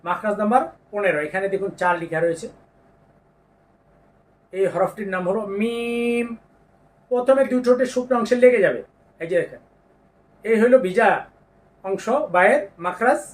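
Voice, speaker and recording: A man teaching Quran pronunciation, patiently explaining each letter and drawing out the sounds slowly. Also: high-pitched, distant mic. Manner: slow drawn-out demonstrations of letter sounds, patient instructions. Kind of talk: step-by-step pronunciation lesson.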